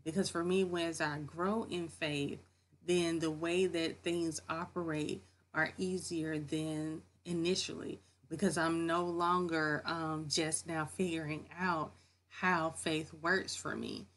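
A woman's voice: low voice, steady tone, takes it slowly, a bit bright, slight background noise. Earnest woman giving faith encouragement. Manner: earnest, encouraging, repeats key phrases. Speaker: faith vlogger. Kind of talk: casual motivational talk to camera. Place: home office.

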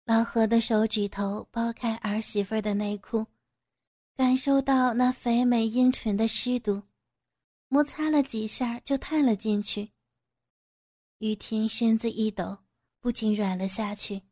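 A woman reading an audio story aloud with steady, even storytelling narration. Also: a little high, a little slow.

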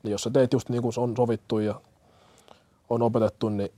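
A man's voice: medium pitch, little pitch movement, mellow, dry recording. A young man, a firefighter-paramedic from Kenya, answering interview questions earnestly with many fillers and restarts.

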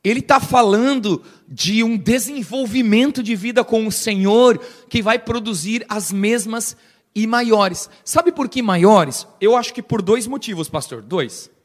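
A middle-aged man with a Brazilian accent, a pastor preaching a sermon in a church, animated and playful, acting out quoted voices. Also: high voice, unhurried. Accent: Brazilian Portuguese.

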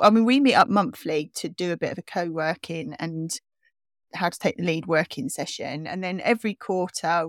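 A woman co-hosting a podcast in casual, self-mocking chat, with a croaky morning voice. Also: lowish voice, dry recording, clean studio sound. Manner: chatty, self-mocking, quick restarts. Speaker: podcast co-host.

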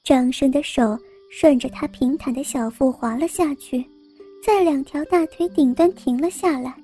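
A woman reads a scripted story in a high, mellow voice with a warm, dark tone. Her delivery is soft and even, carrying the narration steadily. Faint music plays quietly underneath. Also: normal speed.

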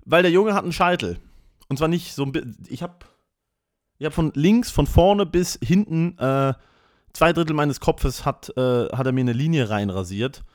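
A man's voice: fairly high pitch, lively intonation, moderate pace, dry recording. A man hosting a podcast in a casual comedic monologue, rambling and crude with wired energy, recorded on a close mic in a small room. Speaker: podcast host.

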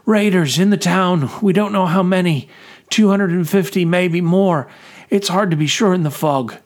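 A man's voice: high-pitched, normal speed, pitched above the performer's own voice. A man voicing a wounded young soldier who gasps out an urgent report in pain. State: out of breath, in pain. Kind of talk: audiobook character voice.

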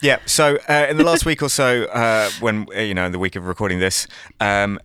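A man co-hosting a podcast, chatting casually at night in a relaxed, agreeable manner. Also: fairly low pitch, fairly quick, smooth, dry recording, clean studio sound. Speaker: podcast co-host. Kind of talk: casual chat. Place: home room at night.

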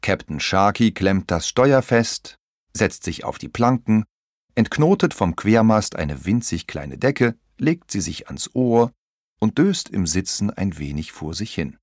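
Man, children's audiobook narrator, lowish voice, lively melody, dry recording. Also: measured pace, no room sound. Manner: expressive, storytelling.

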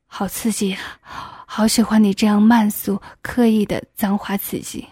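A woman reading the part of a domineering middle-aged male official in an adult audiobook, in a coaxing, breathy, slightly lowered voice. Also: little pitch movement, normal speed, dark tone, no echo, clean studio sound, lightly acted. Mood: lewd coaxing.

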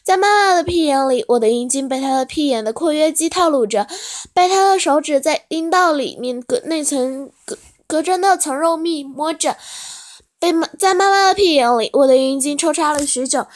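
A woman narrating a story aloud at a steady pace, with small slips and restarts. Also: high-pitched, a little fast.

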